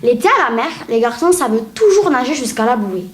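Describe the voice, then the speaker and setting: A woman doing a sassy high-voiced comic rant. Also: sing-song, a little fast. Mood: mocking. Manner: sassy, mocking complaints. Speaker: acting student at a casting. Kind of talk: comic sketch acting. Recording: echoey room.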